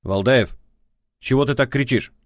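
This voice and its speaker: A man's voice: mid-range voice, a little slow, no echo, clean studio sound, pitched above the performer's own voice, lightly acted. A man voicing a scornful, nagging ex-wife who lectures and mocks in a prosecutorial tone. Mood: mocking.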